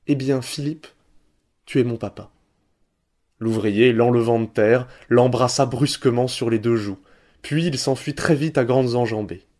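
Mellow-voiced male story narrator. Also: medium pitch. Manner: measured, expressive storytelling. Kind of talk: literary audiobook reading.

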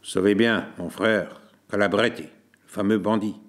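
A man voicing a tired, sickly Corsican man who speaks in a slow monotone in a storybook reading. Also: lowish voice, natural voice. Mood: resigned. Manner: slow monotone, dragging words. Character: weary Corsican man, consumptive, placid.

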